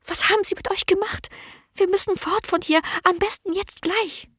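Woman doing a high panicky young maid. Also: fairly even intonation, moderate pace, fairly bright tone, dry recording. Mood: frightened pleading. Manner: breathless, stammering, urgent whispering.

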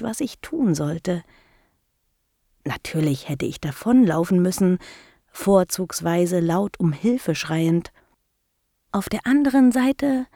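A woman narrating a first-person story in a slow, measured, intimate reading. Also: medium pitch, dark tone, no room sound, studio quality. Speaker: audiobook narrator.

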